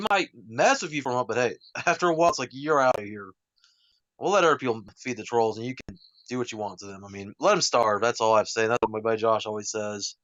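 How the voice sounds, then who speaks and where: A man's voice: medium pitch, a bit bright, dry recording, dull audio. A man hosting a casual live stream chat, rambling with many fillers and self-corrections, talking into a wired headset. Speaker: livestream host.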